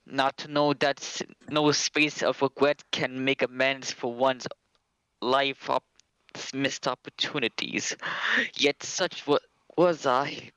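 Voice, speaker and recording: A man voicing the mournful ghost of a dead old miser, speaking slowly and gravely in an amateur dramatic reading. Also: medium pitch, fairly even intonation, a bit bright, dry recording, poor audio. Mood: lamenting. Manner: slow, grave, lamenting delivery.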